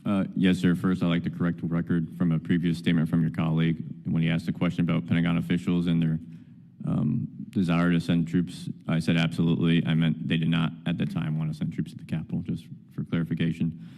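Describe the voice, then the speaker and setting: A man's voice: low voice, completely flat delivery, fast, gravelly, mellow. A man who is a military officer testifying formally and precisely at a hearing. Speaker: Guard officer testifying as witness. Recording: reverberant hearing room audio.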